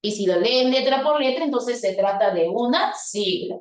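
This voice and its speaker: A woman's voice: a little high, animated, normal speed. A woman teaching a grammar lesson, explaining step by step and quizzing her students with questions. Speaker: language teacher. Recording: echoey room, voice from a distance.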